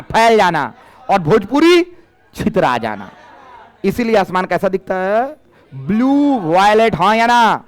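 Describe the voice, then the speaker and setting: Lively teacher man, high voice. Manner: lively, questioning students, mixing in Bhojpuri phrases. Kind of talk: classroom physics lecture. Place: classroom.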